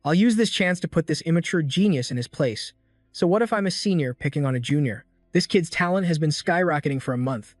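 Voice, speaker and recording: A man's voice: on the high side, expressive, brisk, no room sound, studio quality, close to an everyday voice. A man voicing a boastful, hot-tempered male senior student who blusters and taunts, in a comic story recap. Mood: scheming.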